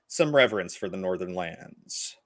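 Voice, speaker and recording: A man's voice: low-pitched, lively intonation, normal speed, no room sound. A man hosting a casual live-streamed movie review chat, rambling with lots of filler words. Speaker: podcast host.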